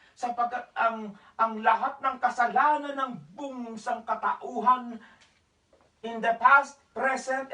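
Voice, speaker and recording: A man's voice: very high-pitched, pushed and bright, roomy sound, distant mic, low-quality recording. A man pastor preaching a church sermon, speaking politely and mixing in English phrases, sometimes raising his voice for emphasis. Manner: raises his voice for emphasis at times.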